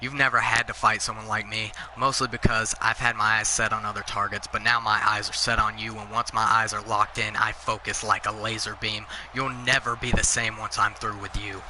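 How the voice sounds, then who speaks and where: A man's voice: on the low side, flat delivery, brisk, few pauses, sharp tone, a little hiss or hum, rough recording. A man reading as a threatening challenger wrestler. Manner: plain voice, no accent attempted. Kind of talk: reading in-game promo lines aloud.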